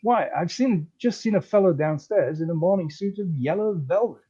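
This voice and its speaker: A man reads a comic story aloud in a breezy, chatty way, his voice fairly high for a man yet soft and mellow. The recording sounds a little dull and lo-fi. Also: expressive, moderate pace, husky. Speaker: story reader. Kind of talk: comic live reading of a story.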